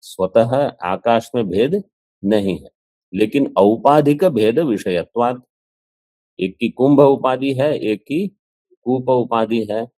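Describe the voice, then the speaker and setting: A man teaching a scriptural commentary lesson, explaining slowly and posing questions to his students. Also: mid-range voice, animated, warm tone, no room sound. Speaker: Vedanta teacher.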